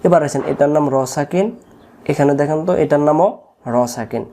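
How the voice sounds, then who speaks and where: A man with a Bangladeshi Bengali accent teaching Quran recitation, slowly repeating each letter sound for learners to copy. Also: on the high side, dark tone, a little hiss or hum. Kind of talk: tajweed lesson.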